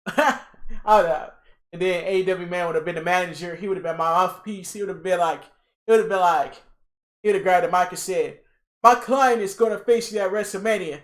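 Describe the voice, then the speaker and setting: Excitable high-voiced young man streaming. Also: moderate pace. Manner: excitable, rambling, repeats himself, talks to chat. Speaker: livestream host. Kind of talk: casual live reaction chat.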